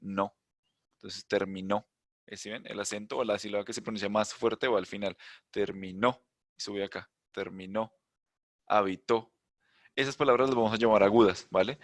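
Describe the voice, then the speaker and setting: Low-voiced man teaching an online class. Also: steady tone, a little fast, no echo. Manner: explanatory, checks in with "¿listo?" and "¿vale?"; thinks aloud, hums while searching the screen. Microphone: computer mic on a video call.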